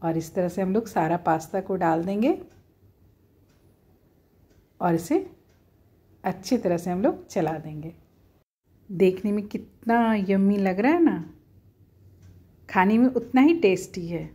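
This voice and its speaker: A woman's voice: medium pitch, lively intonation, a little slow, long pauses, dark tone, breathy edge. A woman at home, talking viewers through a cooking recipe step by step in a plain, homely, instructive way. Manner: homely, instructive, often says "dekhiye".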